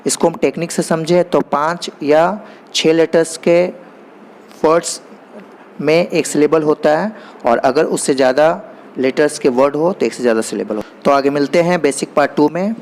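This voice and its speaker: A man teaching basic grammar, explaining in Hindi and reading definitions slowly and deliberately. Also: on the high side, a little mellow. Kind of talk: explanatory lesson.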